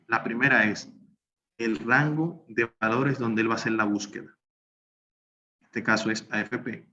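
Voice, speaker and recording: A man's voice: medium pitch, normal speed, bright, forceful tone. Man teaching a recorded spreadsheet class. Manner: talks through steps while working on screen. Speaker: instructor. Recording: slightly dull lo-fi recording with faint noise.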